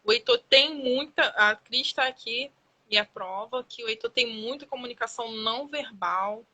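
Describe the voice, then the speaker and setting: A woman's voice: a little high, moderate pace, pushed and bright, muffled recording. A woman with a Brazilian Portuguese accent, a guest mother telling stories in a live-stream conversation and acting out her child's words.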